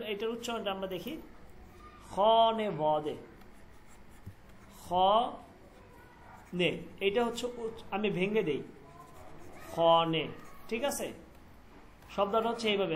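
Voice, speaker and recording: A man with a high voice leads a language lesson, breaking each word into parts and saying it again and again. He keeps asking his students whether they follow. A faint steady noise sits in the background. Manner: breaks words into syllables, repeats them slowly, checks understanding. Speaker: Farsi language teacher. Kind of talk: classroom lesson.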